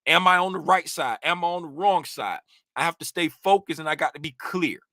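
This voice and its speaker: A man's voice: a little high, lively intonation, a little fast, pushed and bright, no room sound, studio quality. A worked-up man hosting a trading channel, ranting animatedly to his viewers in a casual way. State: worked up and sweating.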